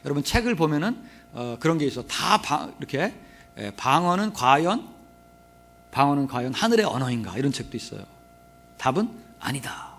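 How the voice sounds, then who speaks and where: Lively, chuckling Korean pastor preaching. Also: male voice, on the high side, gravelly, slightly rough. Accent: Korean dialects mixed, Jeolla touches. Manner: humorous, asks the congregation questions and has them repeat. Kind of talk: sermon. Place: church sanctuary.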